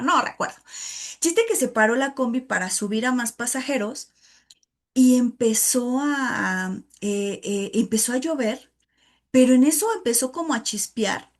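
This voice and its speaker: Earnest woman preaching, fairly high voice. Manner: addresses listeners as "hermano" often, emotional and earnest. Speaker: women's Bible study teacher. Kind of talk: informal sermon with personal testimony.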